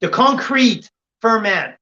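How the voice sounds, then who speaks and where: A man's voice: high voice, lively intonation, slow pace, sharp tone. A man hosting a casual wine tasting and reviewing wines like a sommelier. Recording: dull, lo-fi audio.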